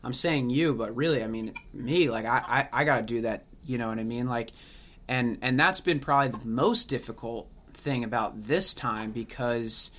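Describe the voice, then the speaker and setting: A man's voice: medium pitch, moderate pace, a bit bright. Easygoing man in his late twenties. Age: late 20s. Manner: easygoing, reflective, lots of "like" and "you know what I mean". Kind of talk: casual conversation.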